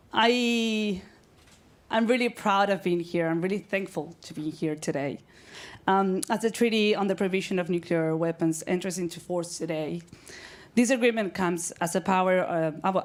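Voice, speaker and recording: Earnest, low-voiced woman from Argentina. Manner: earnest, with frequent ums and light laughs. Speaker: speaker, law student. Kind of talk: prepared speech at an event.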